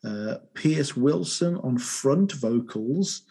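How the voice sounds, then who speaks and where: An English man hosts a relaxed music podcast, joking and getting easily worked up over small discoveries. His voice is mellow and dark in tone, with a husky edge. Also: medium pitch, slow. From England. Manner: enthusiastic, jokey, excitable. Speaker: podcast host. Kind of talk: casual music podcast chat.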